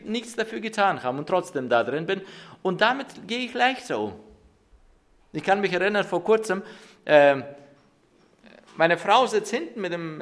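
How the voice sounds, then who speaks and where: High, lively-voiced male pastor preaching. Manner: storytelling, with hesitant fillers and restarts. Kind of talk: sermon.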